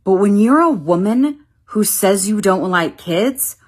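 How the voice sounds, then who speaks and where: A woman's voice: medium pitch, lively intonation, unhurried. A woman speaking candidly and emphatically to camera, with mocking asides. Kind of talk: opinion monologue to camera.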